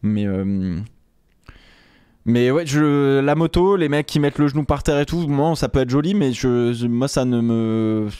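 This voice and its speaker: A man's voice: medium pitch, animated, measured pace, mellow, smooth, no room sound. Rambling male streamer, dry mic. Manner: rambling, hesitant, many fillers and restarts. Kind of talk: casual live-stream chat.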